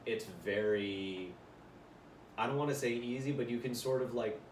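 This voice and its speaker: A man's voice: medium pitch, moderate pace. A young adult man, a voiceover actor, talking casually as a podcast guest, chatty and full of fillers. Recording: roomy room, far mic, faint noise.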